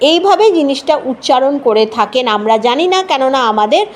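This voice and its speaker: High-voiced woman teaching with a Bengali accent. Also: animated. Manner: patient, repeats sounds slowly, mixes English into Bengali. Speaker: English teacher. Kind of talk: explanatory lesson.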